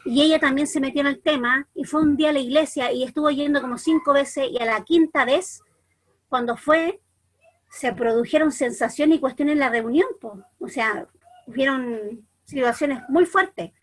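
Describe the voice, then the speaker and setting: High-voiced Chilean woman telling a story. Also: normal speed. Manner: animated, lots of restarts and repeats. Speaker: church youth leader. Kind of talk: storytelling testimony on a group video call. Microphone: video call.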